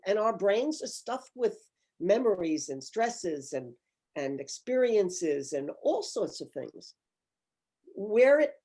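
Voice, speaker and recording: An older woman, an author, speaks thoughtfully as a guest in a conversational video-call interview, telling stories with emphasis. Her voice is medium-pitched and warm.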